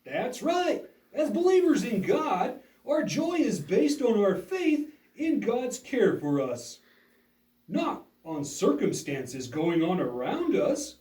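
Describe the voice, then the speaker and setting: A man's voice: high-pitched, sing-song, takes it slowly, warm tone. A man hosting a children's puppet show as a pastor, giving an earnest, upbeat lesson like a school lecture. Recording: roomy echo, distant mic.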